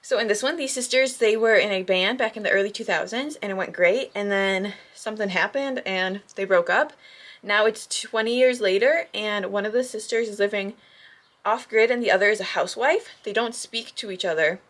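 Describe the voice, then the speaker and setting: A woman vlogging at home about books, chatting casually in an excitable, gushing way with lots of fillers. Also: medium pitch, moderate pace. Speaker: book vlogger. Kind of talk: casual chat.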